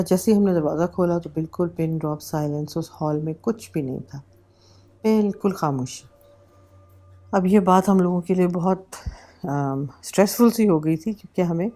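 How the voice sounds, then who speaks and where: Low, mellow-voiced woman telling a spooky story. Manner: casual, mixes English words into her speech. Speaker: vlogger. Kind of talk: personal horror storytelling.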